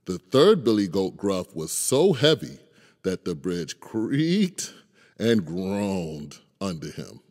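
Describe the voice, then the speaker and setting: Male children's-book reader: low voice, very lively delivery, unhurried, recorded in a reverberant room. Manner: expressive, animated. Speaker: storybook reader. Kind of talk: children's read-aloud.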